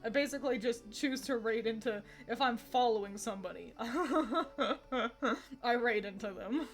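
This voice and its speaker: Giggly high-voiced woman streamer. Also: takes it slowly, faint music behind. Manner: rambling and giggly, laughs often between thoughts. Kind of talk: casual chat with stream viewers.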